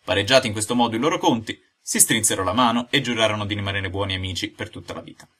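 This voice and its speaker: A man reading a classic tale aloud in lively scripted narration. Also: on the low side, racing. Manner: lively storytelling delivery. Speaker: audiobook reader.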